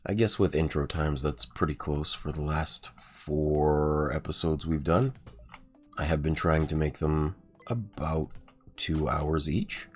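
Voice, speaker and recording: A gaming streamer with an extremely deep voice rambles through casual let's-play commentary, relaxed and unhurried, with frequent ums and uhs. A sore throat leaves him raspy today, and faint music runs underneath.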